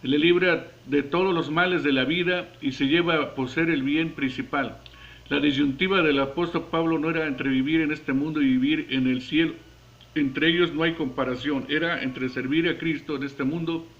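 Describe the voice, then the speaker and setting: A man's voice: a little high, steady tone, fairly bright tone, dull audio. Earnest man reading a Bible commentary. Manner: earnest, measured reading with occasional stumbles. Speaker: devotional preacher. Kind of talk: read-aloud Bible commentary and prayer.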